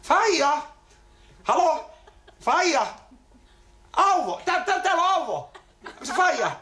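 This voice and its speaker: A man's voice: very high-pitched, sing-song, sharp tone, echoey room, a little hiss or hum, full character voice. A man playing a brash, giggly 40-year-old in a TV comedy sketch, talking in Helsinki slang and stammering as he tells his story. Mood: cheeky. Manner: giggly, stammering, keeps tacking on "hei".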